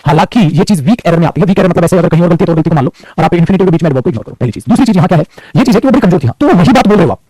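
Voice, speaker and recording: Speaking quickly and with lots of life, this high-voiced male English grammar teacher gives a classroom lecture in Hindi mixed with English, scolding, teasing and calling students "beta." The audio is poor but has no echo.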